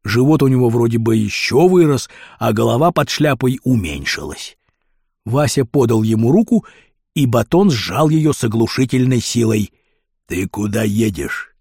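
A man reading a storybook aloud as scripted narration, in a lively, expressive way. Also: mid-range voice, moderate pace, gravelly, breathy edge, no echo, studio quality. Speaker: audiobook reader.

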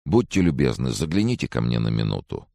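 Man playing a tired doctor, dry, matter-of-fact, mildly mocking, very deep, close dry sound. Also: big pitch swings, brisk, vocal fry, warm tone, dry recording, heavily acted. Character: weary male doctor, dry and skeptical. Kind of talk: audiobook character voice.

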